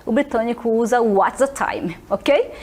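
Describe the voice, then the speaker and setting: On a televised English lesson, a female teacher with a fairly high, darkish voice speaks in a friendly manner. She constantly checks in with students using short tags and slows down to model every phrase carefully.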